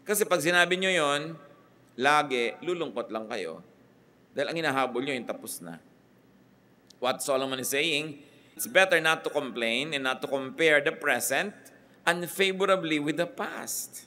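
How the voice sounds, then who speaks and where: A man's voice: fairly high pitch, lively intonation, a little slow, bright, forceful tone. A middle-aged man preaching a sermon, emphatic and building his points in short lists, switching between two languages.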